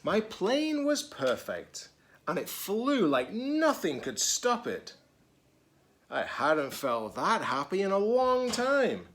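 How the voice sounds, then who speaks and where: A man voicing a wistful, anxious storybook egg who recounts his fall in an earnest, deliberate way. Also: high-pitched, huge pitch swings, fairly bright tone, pitched above the performer's own voice, full character voice. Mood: proud, happy.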